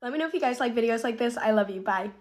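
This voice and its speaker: A woman's voice: fairly high pitch, animated, very fast. A woman casually talking through her makeup routine and reviewing products as she applies them. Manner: casual product commentary with fillers. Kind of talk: makeup tutorial chat.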